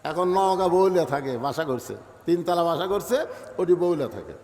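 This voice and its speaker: A male preacher telling a story in a sermon, animated, swinging between loud and soft. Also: on the high side, normal speed. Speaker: Islamic preacher. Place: religious gathering. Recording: echoey reverberant hall sound.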